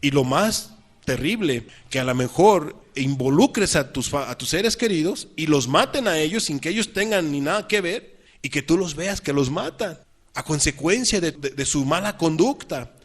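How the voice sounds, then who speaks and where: A man's voice: fairly high pitch, animated, moderate pace. Man preaching a fervent sermon. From Mexico. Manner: rhetorical questions and emphatic scripture reading.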